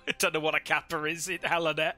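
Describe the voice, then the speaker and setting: A man's voice: on the high side, level tone, fast, bright, forceful tone, faint music behind. A man livestreaming a strategy game into a headset mic, thinking aloud and chatting with viewers. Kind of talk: casual live gameplay commentary.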